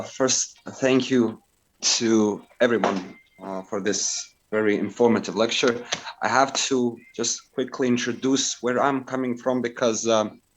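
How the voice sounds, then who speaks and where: A man from Croatia asking a formal question at a seminar. He speaks haltingly, with many uhs and ums. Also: medium pitch, slight background noise, rough recording. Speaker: audience member asking a question.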